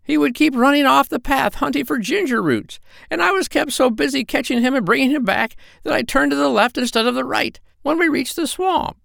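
A man doing a high, sly female parrot. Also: brisk, vocal fry, few pauses, no room sound, heavily acted. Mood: urgent whisper. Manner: hushed, urgent whispering. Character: bossy female parrot, clever and scheming. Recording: dry close recording.

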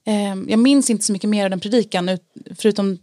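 A woman telling her personal story in an interview, earnest and reflective, pausing often with fillers. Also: medium pitch, warm tone, no echo, clean studio sound. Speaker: interview guest sharing testimony. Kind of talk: personal testimony in conversation.

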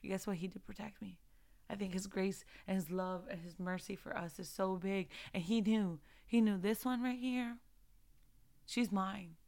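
A young woman delivers an informal preaching talk to fellow mothers, pressing them with repeated rhetorical questions and fervent exhortations. She moves between soft, reflective testimony and loud urging. Her creaky voice is medium-pitched, with fairly even intonation and a moderate pace.

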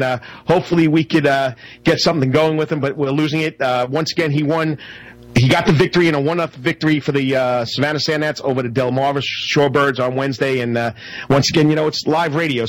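A man's voice: on the high side, fairly bright tone, low-quality recording. A man hosting live sports talk radio, repeating himself and plugging the show as he goes.

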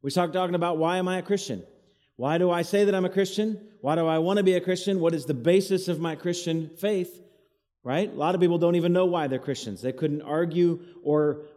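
A man's voice: on the high side, dark tone. A man preaching an evening sermon as associate pastor, leading call-and-response with the congregation, his voice echoing as if in a cave. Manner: call-and-response preaching, has the crowd repeat after him. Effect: cave-like echo. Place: church hall, evening service. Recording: echoey church hall, cave-like reverb.

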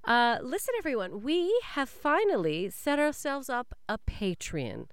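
A woman's voice: fairly high pitch, very animated, a little slow, smooth, no room sound, clean studio sound. A woman co-hosting a podcast in casual comic chat, enthusiastic and playful. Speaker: podcast co-host.

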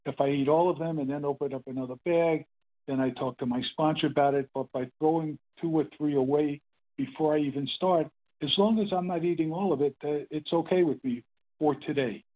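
An older man in his eighties shares his story as a meeting speaker over a tinny phone line, his voice a little high with fairly even intonation. The testimony is casual and rambling, halting with many fillers and restarts.

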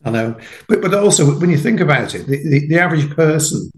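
Halting man in his sixties. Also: fairly high pitch, expressive, low-quality recording. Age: 60s. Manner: halting, many repeated starts. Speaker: podcast guest. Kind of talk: casual conversation.

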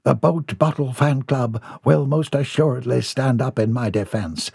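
A man voicing a pompous, fussy, misanthropic heavyset gentleman who talks in florid, precise phrases. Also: mid-range voice, gravelly, breathy edge, no echo, clean studio sound.

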